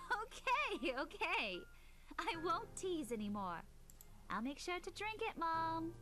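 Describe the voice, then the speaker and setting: A woman's voice: extremely high pitch, very animated, slow, pushed and bright, faint music behind, exaggerated voice. An actress playing a stubborn, playful woman teacher who makes light of being unwell in a visual novel, teasing as she talks. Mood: amused.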